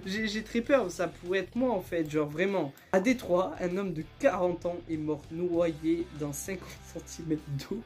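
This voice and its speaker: Young guy telling dumb stories for laughs, slangy, cracks up a lot, quiet music behind. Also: high voice, a little slow, few pauses. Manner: slangy, joking, laughs often; jumps to loud squeals of outrage. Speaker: YouTuber. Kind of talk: casual comedic storytelling and reading aloud.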